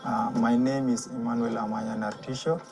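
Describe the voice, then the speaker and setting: A man from South Sudan, a course facilitator, giving a halting personal testimonial with many fillers. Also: mid-range voice, steady tone. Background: background music.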